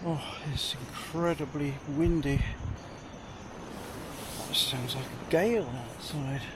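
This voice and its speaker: A British man casually narrating a camping vlog to camera, musing aloud in an understated, halting way. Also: fairly high pitch, steady tone. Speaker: solo camping vlogger. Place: outdoors at a windy jungle campsite and inside a tent. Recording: loud wind and outdoor noise. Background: wind and camp ambience.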